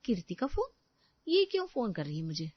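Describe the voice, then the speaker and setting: A woman's voice: medium pitch, huge pitch swings, brisk, no echo. A woman voicing a put-upon young daughter-in-law who grumbles in an exasperated way. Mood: grumbling. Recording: slightly dull, dry close recording.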